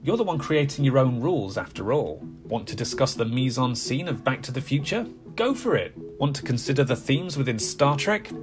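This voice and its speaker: A man's voice: mid-range voice, very animated, moderate pace, few pauses. A man narrating a scripted video essay in a conversational, emphatic way, posing rhetorical questions. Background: background music.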